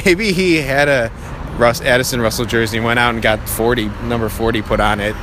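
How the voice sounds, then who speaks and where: Male podcast co-host, mid-pitched, wry resigned sports fan. Low-quality outdoor recording with clear traffic noise. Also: fairly quick. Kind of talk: casual sports chat. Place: outdoors walking along a busy city street at night. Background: passing traffic.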